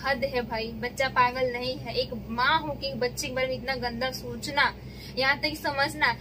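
High-voiced woman pleading with viewers, noisy. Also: fairly even intonation, normal speed. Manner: earnest, pleading, hurt. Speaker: vlogger, mother. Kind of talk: casual vlog talk to viewers. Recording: noisy background with passing vehicles.

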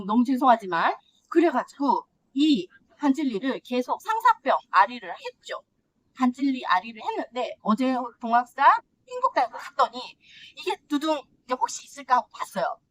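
Middle-aged woman vlogger, chatty and giggly, bright high lively voice. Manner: chatty, excitable, laughs often. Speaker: succulent vlogger. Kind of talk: casual unboxing chat.

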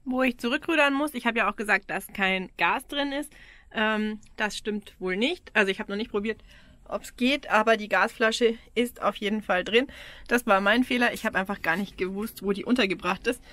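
A woman in her forties with an Austrian German accent vlogs casually in and around a camper van outdoors, speaking frankly to an action camera held at arm's length. Her mid-range voice is bright and forceful at a moderate pace, with frequent ums and small laughs, and the recording is dry.

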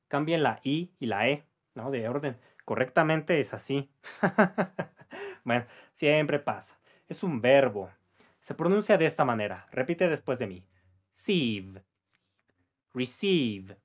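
A man teaching English pronunciation to Spanish speakers, patiently saying words and sentences slowly for the listener to repeat, with light chuckles between explanations. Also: fairly high pitch, sing-song. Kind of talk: pronunciation lesson.

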